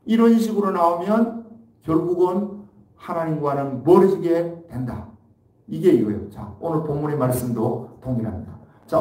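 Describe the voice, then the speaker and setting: Pastor guy preaching, kinda high mellow voice, asking the congregation stuff, roomy church echo. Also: distant mic. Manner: asks the congregation questions and reads scripture aloud with them. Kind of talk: sermon. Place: church sanctuary.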